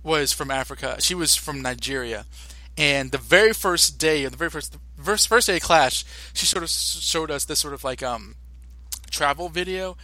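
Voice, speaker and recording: A young American man co-hosting a podcast in casual, animated talk, often restarting his sentences. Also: on the high side, no room sound. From United States. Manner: animated, halting with many restarts and fillers. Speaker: podcast co-host.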